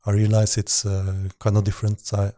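Man, podcast host, low mellow voice, dry recording. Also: monotone, fairly quick, no echo. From Norway. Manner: brief backchannels, musing asides. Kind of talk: casual podcast conversation.

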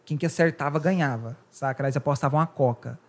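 A man's voice: medium pitch, quick pace. A young Brazilian man chatting casually as a podcast co-host, talking in sweary street slang. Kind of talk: casual chat.

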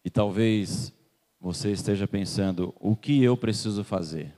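During a church sermon, a Brazilian man from Salvador, Bahia addresses questions to the congregation and pauses for their responses. His lowish voice has a dark tone and a measured pace, and the hall's reverb lingers long.

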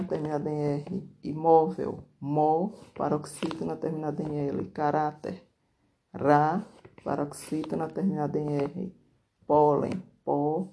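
A teacher, slowly reading out workbook corrections and dictating answers word by word. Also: mid-range voice, warm tone.

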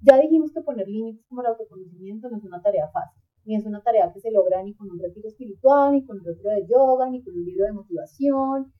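A woman's voice: medium pitch, expressive, quick pace, few pauses. A woman, a podcast guest, giving earnest, reflective advice in a conversational way and acting out quoted examples. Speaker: podcast guest, migrant coach. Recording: tinny phone-like line.

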